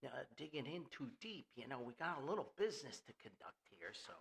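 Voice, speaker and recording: Hosting his own casual podcast, an older man from New Jersey rambles with folksy humor and dramatic emphasis, working in sponsor reads. He speaks briskly in a mid-range, sing-song voice that's a bit bright.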